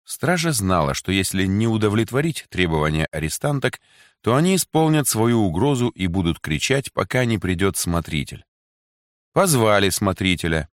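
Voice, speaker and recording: A man reading a classic story aloud in an expressive manner. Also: fairly low pitch, normal speed, no echo, clean studio sound.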